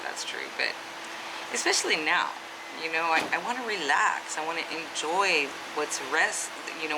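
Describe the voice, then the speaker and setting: A woman in her fifties, an artist who vlogs, speaks low into a handheld camera at a neighborhood deli in a casual monologue. She sounds hesitant, full of ums and restarts, against a noisy background.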